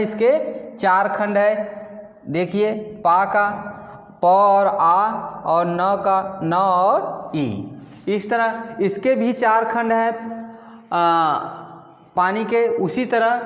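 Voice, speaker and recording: A man teaching a Hindi grammar lesson, slowly repeating points and quizzing his listeners with questions he answers himself. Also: high voice. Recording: echoey room, dull lo-fi sound.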